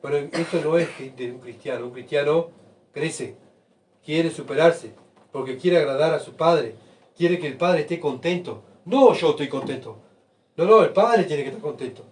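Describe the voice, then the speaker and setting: Pastor preaching, heard from afar. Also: male voice, a little high, moderate pace, a little hiss or hum. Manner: rhetorical questions, keeps asking the congregation "¿verdad?"; swings between soft asides and loud emphatic bursts. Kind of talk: sermon. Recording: voice picked up from far off.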